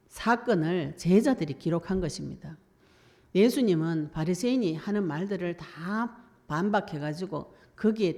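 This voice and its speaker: Mellow-voiced woman pastor preaching. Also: on the low side, long reverb tail. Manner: lively storytelling, often chuckling, acts out characters. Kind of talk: sermon.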